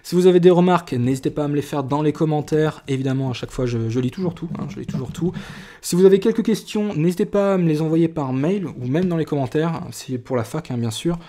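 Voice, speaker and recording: A man's voice: on the high side, fast, hardly any pauses, warm tone. A young man chatting casually while showing and opening trading cards, with lots of fillers and restarts. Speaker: card collector vlogger. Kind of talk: casual card-opening video.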